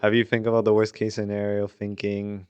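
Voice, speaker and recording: A man's voice: on the low side, completely flat delivery, fairly quick, darkish tone, smooth, no room sound, muffled recording. A young man co-hosting a podcast in casual chat, offhand and a bit hesitant, given to jokes. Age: young adult. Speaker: podcast co-host.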